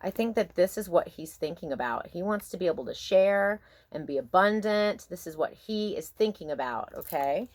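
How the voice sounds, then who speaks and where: A woman giving a casual, intimate tarot reading, thinking aloud in a halting, musing way and often checking in with the listener. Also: fairly low pitch, animated. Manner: musing, halting, asks herself questions and checks in with "okay?". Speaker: tarot card reader.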